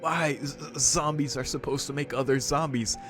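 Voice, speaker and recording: With game music playing behind him, a man hosts a visual novel let's play, casually commenting and reading the dialogue aloud. His voice is medium in pitch, steady in tone, and moves at a normal speed.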